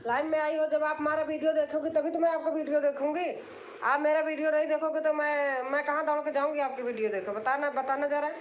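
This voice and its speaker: A woman's voice: high-pitched, fairly even intonation, quick pace, reverberant, lo-fi sound, slight background noise. A woman from Allahabad, hosting a casual live stream and answering comments in an insistent, repetitive way, explaining herself. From Allahabad, India.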